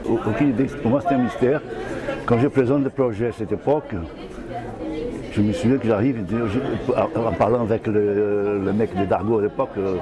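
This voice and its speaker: An older man with a Brazilian Portuguese accent speaks in a low voice, answering interview questions. He hesitates, searches for words and restarts his phrases. A loud crowd murmurs behind him outdoors. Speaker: comic book author.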